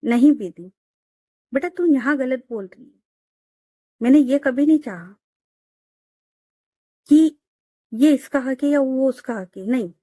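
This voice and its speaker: A stern, fair-minded middle-aged father lecturing his daughters, as a woman narrator puts him on. The voice stays high and warm, recorded dry and close. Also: slow pace, pauses often, dry recording. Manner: firm, lecturing.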